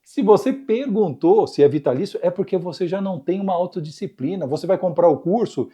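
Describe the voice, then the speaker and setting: A man teaching keyboard in an online lesson, coaching in an insistent, repetitive way with a husky voice. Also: high voice, animated, a little fast, dark tone.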